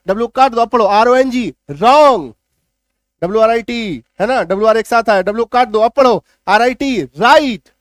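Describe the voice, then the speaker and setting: Male teacher, high voice, dry close sound, drills each rule and checks understanding. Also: dry recording. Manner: emphatic, repeats rules and asks "clear?". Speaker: English teacher. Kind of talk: classroom-style spelling lesson.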